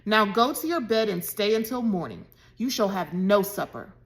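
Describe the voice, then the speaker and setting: A woman voicing a stern, quick-tempered farm mother who scolds firmly and formally, in a read-aloud storybook. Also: mid-range voice, expressive, natural voice.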